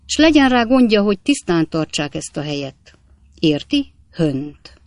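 A woman's voice: fairly low pitch, big pitch swings, a little mellow, no room sound. A woman reading aloud and voicing a pompous, bullying landowner captain who barks orders at his gardeners. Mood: bossy. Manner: barking, bullying commands. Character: pompous blustering male landowner captain, middle-aged.

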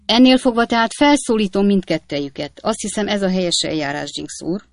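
A woman voicing a pompous, irritable male magistrate who talks loud and sharp in a storybook reading. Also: mid-range voice, animated, dry recording, studio quality, close to an everyday voice. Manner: loud, sharp and self-important.

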